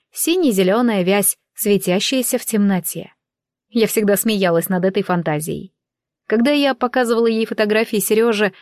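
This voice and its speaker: A woman reading a first-person fantasy audiobook aloud, unhurried and lifting her voice a little for the characters' lines. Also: a little mellow, dry recording, clean studio sound. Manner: unhurried, acts out dialogue with small pitch lifts. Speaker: audiobook reader.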